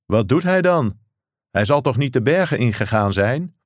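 A man voicing an exasperated policeman who shouts into a crackling telephone, in an audiobook reading. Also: medium pitch, animated, normal speed, dry recording, clean studio sound, voice pushed up, natural voice. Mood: shouting, exasperated. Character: adult male policeman shouting into a bad phone line.

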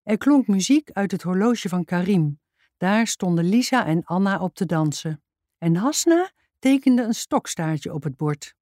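A woman's voice: medium pitch, lively intonation, a little slow, dark tone, no room sound, studio quality. A woman reading a children's book aloud in a careful storytelling manner. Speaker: storybook reader.

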